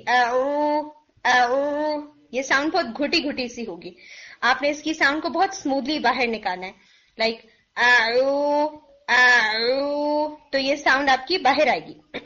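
A woman with a high, pushed, bright voice gives an online pronunciation lesson for recitation, patiently stretching out sounds to demonstrate. She has a sore throat and keeps clearing it, and the lo-fi recording sounds dull.

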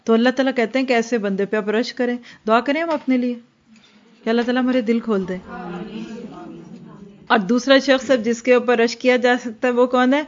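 A woman's voice: a little high, steady tone, long pauses. A woman giving an earnest religious lecture that explains each point and slips English words into her speech. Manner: earnest, explanatory, acts out quoted dialogue. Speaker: religious teacher. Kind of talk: Islamic lecture. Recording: dull lo-fi recording.

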